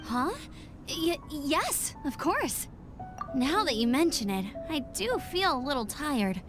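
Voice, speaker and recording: High, lively young adventurer girl. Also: takes it slowly, music in the background, exaggerated voice. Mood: flustered, tired. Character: cheerful, kindly young woman adventurer. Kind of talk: anime-style video game voice acting.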